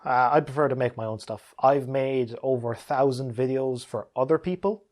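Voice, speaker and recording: A YouTube gaming creator with a mid-range, darkish voice hosts a casual question-and-answer video about games at a moderate pace. He's easygoing and conversational, chuckling often.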